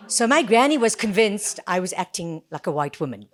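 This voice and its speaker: A woman with a Durban Indian South African accent, chatting casually and anecdotally as an interviewed author, animated, jokey and self-deprecating. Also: medium pitch, brisk. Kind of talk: casual anecdotal chat at a book event.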